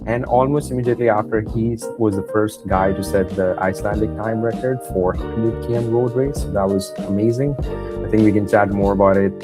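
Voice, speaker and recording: A man's voice: on the low side, normal speed, over music. A man hosting a podcast interview, talking loosely and hesitantly with many fillers. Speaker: podcast host.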